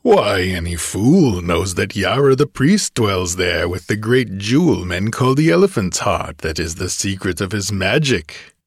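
A fat, gross rogue of a kidnapper roars his boasts and jeers, swollen with self-importance, as a man reading the tale voices him. The voice sits very low. It is recorded close and dry, with no room around it. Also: very animated, unhurried, few pauses, husky, no echo, exaggerated voice. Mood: scornful. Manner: bellowing, bawdy and self-important.

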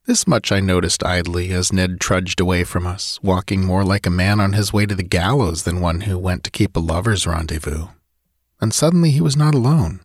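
A man narrating a story in a measured, descriptive reading. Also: fairly low pitch, no room sound, studio quality. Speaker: audiobook narrator. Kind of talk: scripted narration.

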